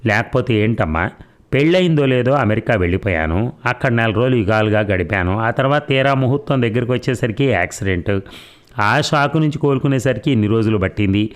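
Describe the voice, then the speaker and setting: A man's voice: mid-range voice, lively intonation, brisk, natural voice. A man voicing a playful young husband in a novel reading, bantering and mock pleading. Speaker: doctor.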